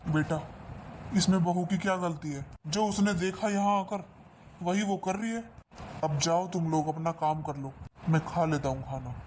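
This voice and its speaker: A man playing a gentle old father who is helpless and resigned, speaking softly in a family drama. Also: fairly high pitch, moderate pace, a little hiss or hum, close to an everyday voice. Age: older. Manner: soft, resigned.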